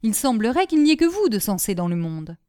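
A woman's voice: high voice, big pitch swings, quick pace, a little mellow, voice pushed up. A woman reading aloud, voicing a bossy, scolding mayor's wife who shrilly demands an arrest.

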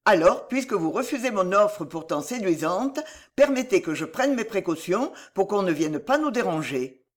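An audiobook reader voicing a seasoned male swordsman who speaks calmly and dryly, with biting irony. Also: medium pitch, moderate pace, natural voice. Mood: mocking. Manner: calm, dry and mocking. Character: cool, ironic male swordsman, seasoned fighter. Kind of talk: audiobook character voice.

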